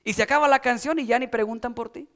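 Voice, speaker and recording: High-voiced man preaching a sermon. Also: quick pace, a bit bright. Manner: preaching with rising emphasis and repetition. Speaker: pastor.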